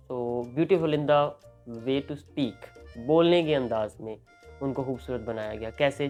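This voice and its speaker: A man's voice: mid-range voice, darkish tone. A man teaching English pronunciation in a video lesson, switching between Hindi-Urdu and English and spelling out letters.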